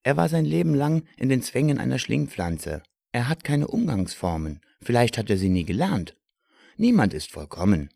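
A man reading the lines of a patient, good-humoured male hero in a calm, mildly teasing way. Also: mid-range voice, moderate pace, gravelly, no room sound, studio quality, voice pushed up.

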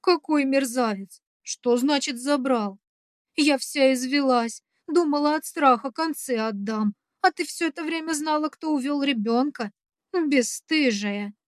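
A woman voicing a flustered elderly female nanny in an audiobook, talking fast and pleading. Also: high voice, no room sound, clean studio sound, close to an everyday voice. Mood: indignant.

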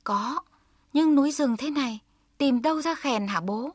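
A woman's voice: high-pitched, normal speed, dry recording, clean studio sound, voice pushed up, close to an everyday voice. A woman voicing a poor, overworked young man who speaks in a timid, pleading way. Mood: wistful. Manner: pleading, fearful. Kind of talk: storybook voice.

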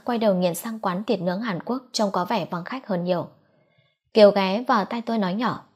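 A woman's voice: medium pitch, a little mellow. A woman reading a romance novel aloud as an audiobook narrator, voicing the dialogue in her own voice. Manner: reads all characters' dialogue in a near-normal voice.

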